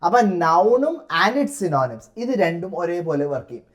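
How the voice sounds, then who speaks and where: A man with a Malayali accent, coaching students through an English exam task. He explains each step in a steady classroom style, then slows right down to read example sentences aloud, leaning on the key words. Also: sits high.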